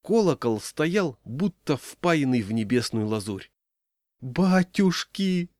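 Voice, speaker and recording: Man reading a story with lively pitch. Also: moderate pace, no room sound, studio quality. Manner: lively storytelling, voicing characters. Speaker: audiobook narrator. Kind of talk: expressive audiobook reading.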